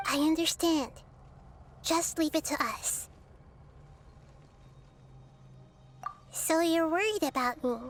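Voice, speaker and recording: A woman playing a kind, thoughtful young scholar in an anime game, measured and reassuring as she explains. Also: very high-pitched, slight background noise.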